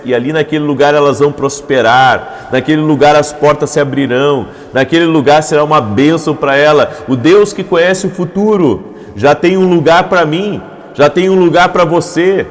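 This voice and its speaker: A man's voice: on the high side, in a large hall. A man preaching a devotional morning sermon, with repeated emphatic phrases that build into urgent appeals. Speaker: pastor.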